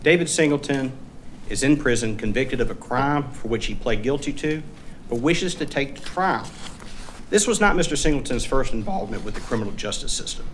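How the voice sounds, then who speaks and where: A man arguing as a lawyer in court, speaking in a formal, measured and deferential way. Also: medium pitch, lively intonation. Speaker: defense appellate lawyer. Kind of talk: formal oral argument. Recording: clearly noisy courtroom recording.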